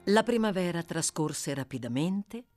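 A woman reading a novel aloud, measured and expressive, with slow pauses. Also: fairly low pitch, soft background music. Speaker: audiobook reader. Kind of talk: scripted literary narration.

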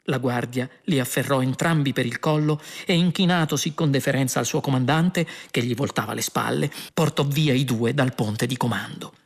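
Husky, gravelly male reader. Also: medium pitch, normal speed, hardly any pauses. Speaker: audiobook reader. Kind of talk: storybook narration.

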